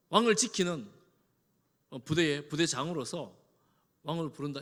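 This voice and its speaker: A man's voice: on the high side, fairly bright tone. A male pastor preaching a sermon, dramatically acting out quoted lines with a raised voice. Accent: Korean. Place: large church hall. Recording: long church hall reverb.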